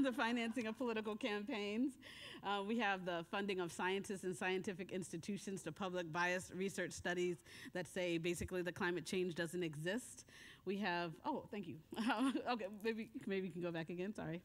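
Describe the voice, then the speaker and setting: A woman giving a conference talk with slides in a hotel meeting room, rushing through her points and laughing at herself often. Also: fairly low pitch. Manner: hurried, self-deprecating, laughs often. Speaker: conference speaker.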